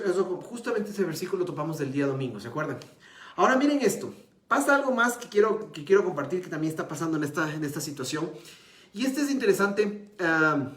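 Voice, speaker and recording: A man preaching a sermon, retelling a scripture story with lively swings in his voice and dropping to a hushed low tone for emphasis. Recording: echoey room.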